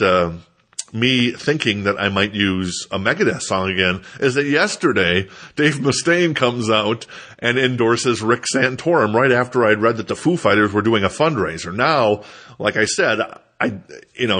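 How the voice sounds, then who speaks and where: A congested man from Minnesota hosts a solo podcast, rambling casually and poking fun at himself. His voice is lowish with a fairly bright tone, and he sounds stuffed up.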